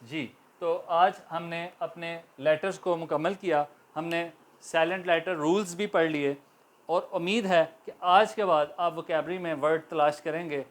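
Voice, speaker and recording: A man's voice: a little high, steady tone. A man with a Pakistani accent, an Urdu speaker, giving an English lesson in a classroom-style lecture and spelling words out letter by letter. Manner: slow, deliberate, spells out letters one by one. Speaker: English teacher.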